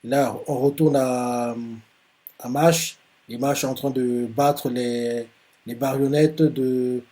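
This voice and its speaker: A man's voice: mid-range voice, fairly even intonation, slow pace, warm tone. A man casually retelling a manga chapter, rambling with many fillers and restarts. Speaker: manga reaction host.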